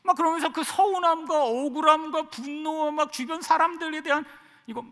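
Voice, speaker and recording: A middle-aged man preaching a sermon as a pastor, telling a personal story in an animated way. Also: very high voice, fairly quick, in a large hall. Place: church sanctuary.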